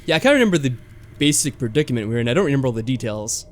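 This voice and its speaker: Speaking very fast in a sing-song mid-range voice, this let's play host chats casually and somewhat hesitantly. He comments on the game and reads its text out loud over background game music.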